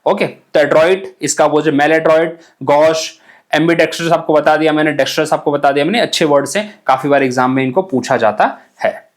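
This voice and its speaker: A man's voice: on the high side, fairly even intonation, fairly quick. A man teaching English vocabulary for exam aspirants, explaining words in Hindi mixed with English and often checking "ठीक है?". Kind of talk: exam-prep vocabulary lesson.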